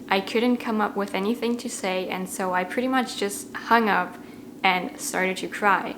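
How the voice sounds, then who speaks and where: A native German speaker in her twenties, a language-learning vlogger, tells her own story to camera with a German accent, sounding reflective, candid, and conversational. Her mid-range voice is a little bright, with slight background noise.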